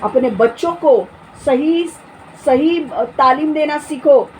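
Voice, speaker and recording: A woman with a high voice preaches a forceful sermon, firing off rhetorical questions and scolding her listeners. Faint background noise sits under her speech. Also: slow pace, low-quality recording.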